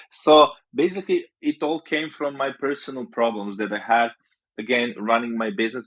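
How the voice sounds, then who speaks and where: A man's voice: on the low side, fairly bright tone, rough recording. A man from Croatia, a startup founder talking as a guest on a podcast, loose and storytelling with many "uh"s and "you know"s. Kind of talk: casual podcast interview.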